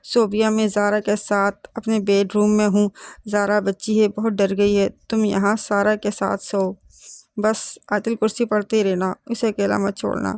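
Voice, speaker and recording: A woman playing a steady father, firm, reassuring, even melody, storybook. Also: medium pitch, no echo, close to an everyday voice. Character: calm, steady father comforting his family.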